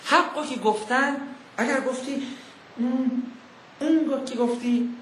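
A man preaching a sermon to a young audience, emphatic and full of rhetorical questions, slowly intoning scripture verses in between. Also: very high voice, fairly bright tone, a little hiss or hum. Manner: emphatic, rhetorical questions, acts out mock dialogues. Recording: very echoey room.

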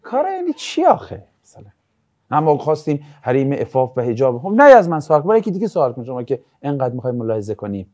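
A man teaching a religious ethics class, lecturing casually and acting out anecdotes with jokes. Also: mid-range voice. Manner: lively, jokey, acts out anecdotes.

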